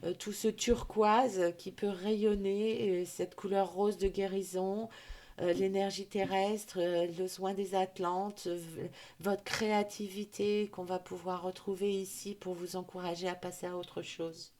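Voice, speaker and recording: A woman gives a gentle, hesitant intuitive oracle card reading for her viewers, with many fillers and affectionate words. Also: medium pitch, flat delivery, unhurried. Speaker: intuitive card reader and hypnotherapist.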